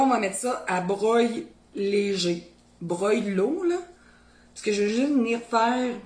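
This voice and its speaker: A woman's voice: mid-range voice, a little mellow, reverberant. A woman with a Québécois accent from the Beauce region, hosting a casual cooking video and chatting colloquially as she works in her home kitchen. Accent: Beauce Québécois French. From Beauce, Quebec. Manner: chatty, thinks aloud while working, colloquial Québécois speech. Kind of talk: casual cooking demo chat.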